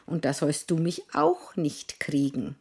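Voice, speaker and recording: A woman's voice: sits low, very animated, measured pace, dark tone, slightly rough, exaggerated voice. A woman voicing a boastful runaway male pancake in a storybook tale, with a cheeky, singsong taunt.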